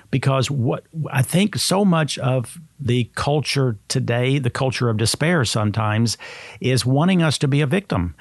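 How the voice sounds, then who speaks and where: A man's voice: medium pitch, gravelly, dry recording, clean studio sound. A man hosting a podcast conversationally, speaking earnestly and often rephrasing as he goes. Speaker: podcast host.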